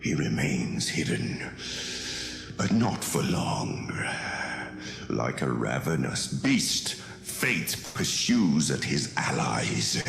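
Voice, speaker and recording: Heavily acted and male, this ancient villain master for audio drama is a cunning, contemptuous reptilian dark-side figure full of menace. His extremely deep, gravelly, creaky voice has big pitch swings and a fairly bright tone, and his delivery is ominously slow, deliberate and imperious, with an ominous, testing mood. The voice echoes over music.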